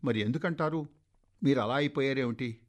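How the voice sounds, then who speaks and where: A man's voice: medium pitch, brisk, close to an everyday voice. A man putting on a fussing young wife. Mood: fond coaxing. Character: young wife, caring and coaxing. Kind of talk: radio story reading.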